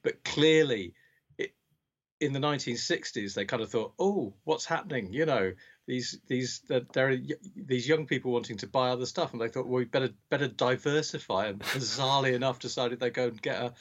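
A man's voice: medium pitch, brisk, fairly bright tone. A man in his sixties with a southern English home counties accent, chatting casually and reminiscing, often repeating words as he starts a sentence. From born in Scotland, grew up in Berkshire, England. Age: 60s. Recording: dull, muffled lo-fi sound.

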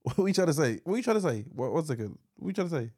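A man co-hosting a casual podcast in a slightly husky voice. His pitch leaps around a great deal and sits a little high. He is animated, quick to object and often repeats himself. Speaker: podcast co-host. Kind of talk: casual banter.

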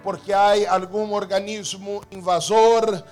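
A pastor preaching a sermon, asking repeated rhetorical questions and slowing down to stress key phrases. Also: male voice, high voice, little pitch movement, a little mellow, faint music behind.

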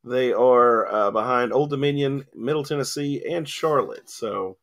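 Speaking a little slowly in a mid-range, fairly bright voice, this man hosts a casual sports radio show in a studio, his voice beginning to give out as he coughs. He rambles, filling gaps with ums and other fillers, into a studio mic fitted with a cough button.

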